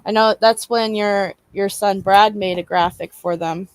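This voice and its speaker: A young woman co-hosting a live online show, talking in a relaxed, halting way with many ums. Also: medium pitch, smooth, no room sound. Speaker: co-host of a live advocacy show. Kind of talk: casual chat.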